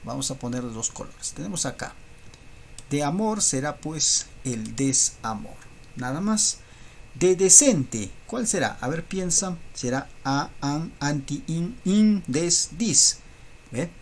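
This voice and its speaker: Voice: mid-range voice, animated, slow. Patient teacher walking through examples. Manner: patient, explains step by step with rhetorical tag questions. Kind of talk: recorded school lesson.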